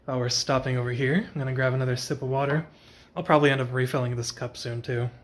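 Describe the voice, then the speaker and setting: A young man, worn out after work, chats casually in a vlog in a medium-pitched, slightly scratchy voice. He talks fast and softly with fairly even intonation, rambling along and correcting himself as he goes.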